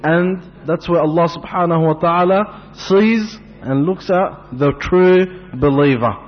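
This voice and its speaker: A man's voice: fairly high pitch, unhurried. A man preaching a fervent sermon in a mosque, building to impassioned pleading. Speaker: imam giving a mosque talk. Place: mosque hall. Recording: long hall reverb, dull lo-fi sound.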